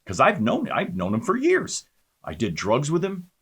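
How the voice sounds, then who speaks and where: A male pastor recounts his personal testimony in a lively, storytelling manner. His pitch swings widely as he talks, and he often stumbles over fillers and restarts his sentences. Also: moderate pace, vocal fry, breathy edge.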